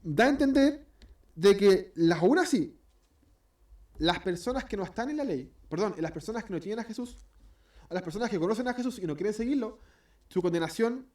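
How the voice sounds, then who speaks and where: A man's voice: high-pitched, expressive, brisk, long pauses, darkish tone. A man with a Chilean accent teaching an informal Bible study, chatty and self-correcting, acting out everyday scenes as examples. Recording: voice distant from the mic.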